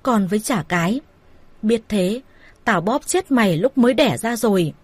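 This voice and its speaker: A woman voicing an angry, foul-mouthed middle-aged mother who scolds and curses her daughter in a raised, loud voice. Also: mid-range voice, expressive, normal speed, slightly rough, dry recording, voice pushed up. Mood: furious scolding.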